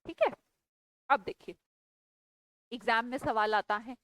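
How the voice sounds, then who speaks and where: A woman's voice: on the high side, measured pace, a bit bright, no room sound, rough recording. A woman teaching an English grammar class, firmly questioning and scolding students. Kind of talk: online class lecture.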